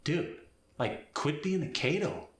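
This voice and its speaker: A chill, dim young Valley guy for a comic nineties character demo. His valley-girl drawl is slow and swoops widely, with rising ends and constant "like" and "bro", in an echoey room. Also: fairly high pitch, very animated, pitched above the performer's own voice. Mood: slangy, breezy. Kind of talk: comic character demonstration in accent lesson. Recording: roomy echo.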